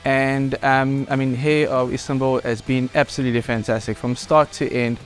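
A South African man in his thirties giving a reflective testimonial interview in a bright clinic lounge, with lots of "you know" fillers. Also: medium pitch, flat delivery, normal speed, faint music behind. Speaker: clinic patient.

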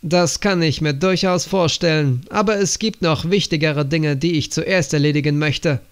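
A man voicing a calm, probing older male leader who questions his agents in an audiobook. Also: fairly high pitch, normal speed, clean tone, close to an everyday voice.

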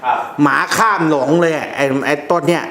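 A man explains amulet lore in a casual, jokey, blunt way, throwing in coarse slang. His voice sits a little high for a man. The room around him is noticeably echoey. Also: fairly even intonation, fairly quick, fairly bright tone. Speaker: amulet teacher.

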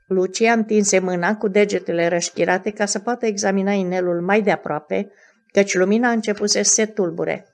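A woman narrating a novel as an audiobook in a measured, even reading. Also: mid-range voice. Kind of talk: scripted narration.

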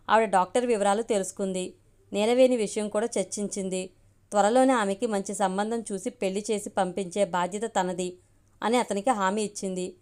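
A woman reading a family story aloud as an audiobook narrator, in a steady, even way. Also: mid-range voice, clean tone.

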